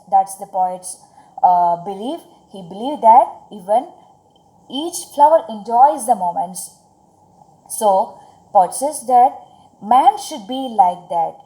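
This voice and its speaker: Woman, Malayalam accent, English teacher explaining poems; very mellow timbre, unhurried delivery, didactic with repeated phrases. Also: mid-range voice, low-quality recording. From Kerala, India. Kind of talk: poetry lesson with recitation and word-by-word explanation.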